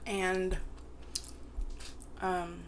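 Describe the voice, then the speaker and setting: A woman with a slightly low voice talks at a slow, unhurried pace, chewing as she speaks. She chats casually to her viewers between bites, with faint noise behind her. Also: flat delivery. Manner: chewing while talking, eating between phrases. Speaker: mukbang vlogger. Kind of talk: casual eating-show chat to viewers.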